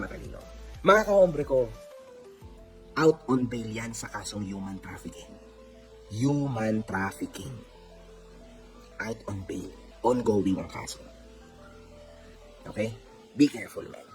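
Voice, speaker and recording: A man's voice: medium pitch, a bit bright. A man with a Filipino accent talking in a casual commentary vlog, mixing in English phrases and laughing often. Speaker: vlogger.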